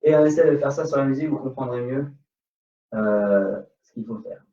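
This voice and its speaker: A man's voice: mid-range voice, normal speed, mellow. A man with a French accent teaching an online salsa class, counting beats and singing rhythm syllables. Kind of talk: online dance class instruction. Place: dance studio. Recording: roomy, distant, dull studio sound.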